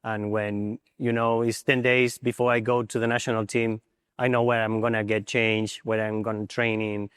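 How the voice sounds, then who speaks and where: A man's voice: fairly low pitch, level tone, normal speed, a bit bright, smooth, no echo, studio quality, big-room sound. A man, an assistant coach on a panel, speaking thoughtful, hesitant English with frequent fillers. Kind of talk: panel interview on stage.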